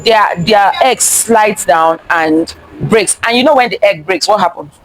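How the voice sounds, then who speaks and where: A woman with a medium-pitched voice reads a picture book to children at a measured pace, expressively repeating phrases and pausing to ask them questions during an interactive story time. The recording is dry and the audio poor.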